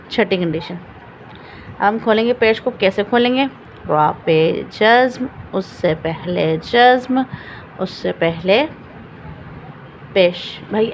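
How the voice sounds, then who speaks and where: A woman teaching Quran recitation rules step by step, patiently repeating each example slowly and asking questions she then answers. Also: mid-range voice, slight background noise, rough recording. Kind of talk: step-by-step Quran reading lesson.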